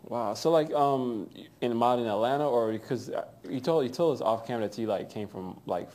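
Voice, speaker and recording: A man's voice: mid-range voice, fairly quick, darkish tone. A man hosting an interview, asking loose questions with many fillers. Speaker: host.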